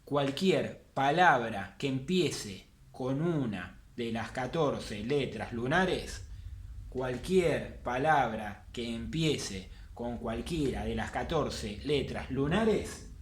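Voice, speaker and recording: A man's voice: mid-range voice, expressive, slow. A man teaching a language class, patiently repeating key points for emphasis. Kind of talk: classroom lesson. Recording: echoey room.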